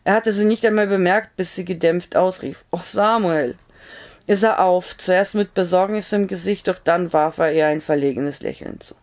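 A woman reading a novel aloud as audiobook narrator, steady storytelling with small slips. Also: lowish voice, moderate pace, few pauses.

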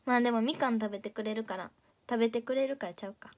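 A teenage girl with a Kansai Japanese accent, an idol audition hopeful, chats casually on a livestream. Her voice is a little high and quick, and she playfully teases as she reads out viewer comments.

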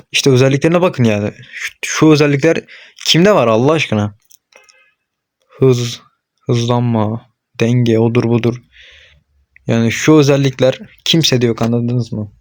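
A man's voice: mid-range voice, a little mellow. A young man hosting a gaming channel, commentating his own football match as he plays, talking to himself and urging on the players on screen, with frustrated outbursts. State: frustrated and worked up. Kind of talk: live gameplay commentary.

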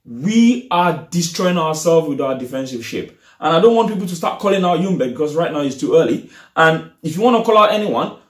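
A man's voice: fairly high pitch, brisk, few pauses, roomy sound. A young man giving a casual, frustrated post-match reaction as a football fan vlogger, talking animatedly in a small room straight to the camera. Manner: animated, frustrated, gestures a lot while talking.

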